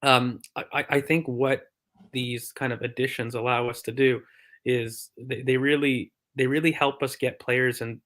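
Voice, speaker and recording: A man's voice: mid-range voice, flat delivery, normal speed, a bit bright. A man co-hosting a casual football chat, thinking aloud with many fillers and explaining injuries from a physio's view. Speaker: podcast co-host.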